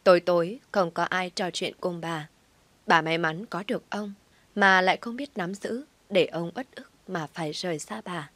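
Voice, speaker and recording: Woman narrator, scripted story, emotional dramatic reading, low voice, dry close sound. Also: moderate pace, fairly bright tone, dry recording.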